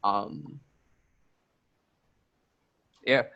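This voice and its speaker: A man's voice: extremely slow, pushed and bright, muffled recording. A 19-year-old man chatting casually as an interview guest, joking, laughing often and rambling with restarts.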